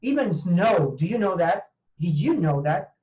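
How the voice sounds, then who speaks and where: A man from Venezuela, a language teacher talking earnestly as a guest, often pausing and restarting. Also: sits high, big pitch swings, a little mellow, muffled recording. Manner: earnest, hesitant with many fillers and restarts. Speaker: language teacher, university professor. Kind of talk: conversational interview.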